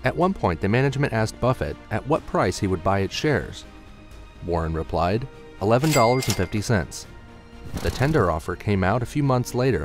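A man narrates a documentary in a measured, explanatory way, his voice sitting on the low side. Background music plays clearly under him. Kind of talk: scripted narration.

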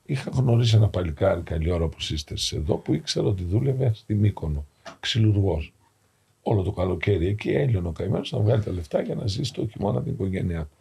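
A middle-aged man, an Orthodox priest, telling a moving story as a guest on a podcast, acting out the dialogue and sinking to hushed tones. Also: sits low, lively intonation, creaky, husky. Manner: acts out dialogue in shifting voices, drops to hushed tones. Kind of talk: emotional storytelling in a podcast interview. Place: podcast studio, seated on a sofa.

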